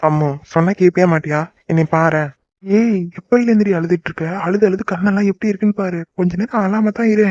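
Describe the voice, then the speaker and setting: A man voicing a gentle young man in a cartoon, soothing and teasing his crying sweetheart. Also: high voice, fast, no room sound, natural voice. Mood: soothing tender. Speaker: voice actor. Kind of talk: cartoon love-story dialogue. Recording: dull lo-fi dry recording.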